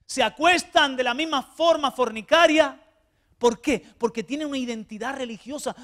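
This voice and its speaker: A man preaches a fervent sermon in church. He drops to near-hushed tones, then rises to loud, ringing exhortation, often stumbling over repeated little words as he goes. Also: very high-pitched. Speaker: pastor. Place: church before a congregation.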